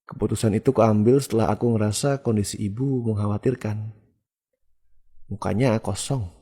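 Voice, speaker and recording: Husky low-voiced man telling a horror story. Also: dark tone. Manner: casual, conversational telling. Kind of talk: first-person horror story narration.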